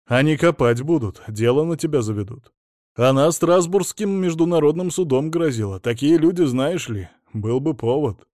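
A man's voice: on the high side, normal speed, darkish tone, no echo, clean studio sound, pitched above the performer's own voice, natural voice. A man voicing a stern middle-aged male police chief who lectures and scolds his subordinate in an audiobook. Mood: lecturing.

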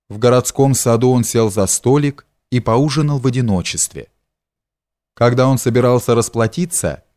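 A man narrating a novel in an audiobook, in a measured, even storytelling manner. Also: medium pitch. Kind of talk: scripted narration.

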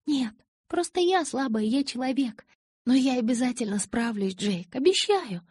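A woman voicing a gentle but stubborn pregnant young woman in an audiobook, soft and reassuring. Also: high-pitched, expressive, moderate pace, slightly rough, no room sound, clean studio sound, pitched above the performer's own voice. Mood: pleading. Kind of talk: audiobook character voice.

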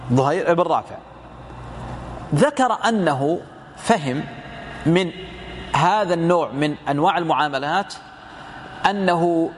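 A man's voice: fairly high pitch, a little hiss or hum. A man giving a lecture commentary on hadith as a religious teacher, explaining through rhetorical questions and retold dialogue.

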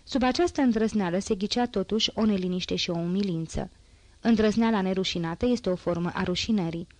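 A woman narrating a classic novel as an audiobook, in a steady, measured reading. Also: mid-range voice, dry recording.

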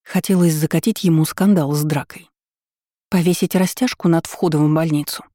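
A woman's voice: deep voice, steady tone, moderate pace, mellow, dry recording, studio quality. A woman reading a novel aloud in the first person, with a wry, ironic storytelling manner. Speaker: audiobook narrator.

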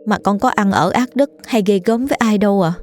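A woman voicing a meek young village wife who pleads softly and apologetically. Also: medium pitch, brisk, soft background music, pitched above the performer's own voice, lightly acted. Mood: meek pleading. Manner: soft and pleading.

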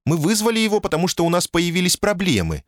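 A man's voice: high voice, very animated, quick pace, dry recording, clean studio sound, voice pushed up. A man putting on a thin, tense woman's voice. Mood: fluttery. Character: high-strung nervous woman on the phone. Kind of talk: audiobook character voice.

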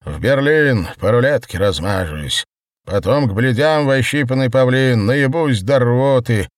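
A frenzied, roaring, grandiose man, as a male reader puts him on in a dry-sounding audiobook. The voice is pushed well above the reader's own and keeps booming out in wild exclamations. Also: expressive, measured pace, dry recording, lightly acted. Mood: bellowing. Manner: frenzied, bellowing declamation. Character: ecstatic wild shouting man, crude and grandiose.

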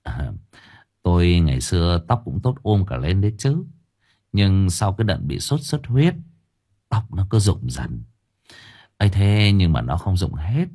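A man voicing a middle-aged bald resort owner who speaks deferentially and slowly. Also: sits low, sing-song, mellow, breathy edge, heavily acted. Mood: polite. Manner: deferential, slow polite speech.

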